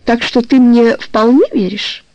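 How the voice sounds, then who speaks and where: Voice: medium pitch, steady tone, unhurried, a little mellow, pitched above the performer's own voice, natural voice. A reader voicing a young woman who pleads with her lover and confesses her past in a trembling voice. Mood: tender. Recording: dull lo-fi recording.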